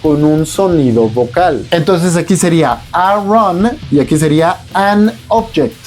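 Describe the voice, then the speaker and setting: Joking Mexican Spanish-speaking teacher. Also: male voice, a little high, expressive, measured pace, darkish tone, faint music behind. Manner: casual, joking, colloquial teaching tone. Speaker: English teacher. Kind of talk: explanatory lesson with slang.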